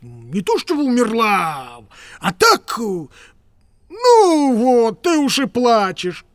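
A woman's voice: on the high side, huge pitch swings, slow, no echo, studio quality, heavily acted. A woman voicing a fussy, grumbling old male clerk who rambles and stammers in an audiobook reading. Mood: scolding.

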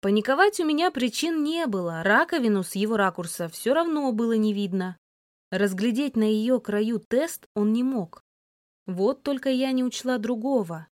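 A woman narrating a first-person novel as an audiobook, lively and voicing the heroine's sharp retorts. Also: a little high, moderate pace, no room sound.

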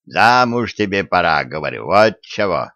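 Man playing a growling giant wolf, gruff, low and deep, dry muffled recording. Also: very animated, moderate pace, bright, forceful tone, dry recording, exaggerated voice. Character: huge gruff talking wolf guard.

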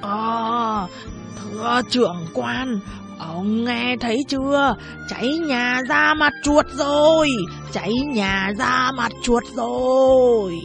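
A woman voicing a blind old man who pleads and wails with slow, drawn-out speech full of hesitant fillers. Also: fairly high pitch, vocal fry, over music, voice pushed up. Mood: wailing.

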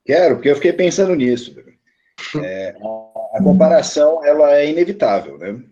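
A Brazilian man talks casually with a very lively, swooping voice. He is relaxed and slangy, and his audio sounds dull and lo-fi. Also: a little high, normal speed, soft background music. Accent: Brazilian Portuguese. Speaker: panelist. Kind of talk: casual roundtable chat.

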